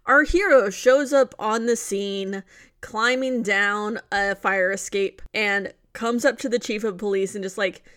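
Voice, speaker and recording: Woman podcast cohost, dry wry plot recap, mid pitch, dead dry mic. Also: unhurried, fairly bright tone, no room sound. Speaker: podcast co-host. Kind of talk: casual movie review chat.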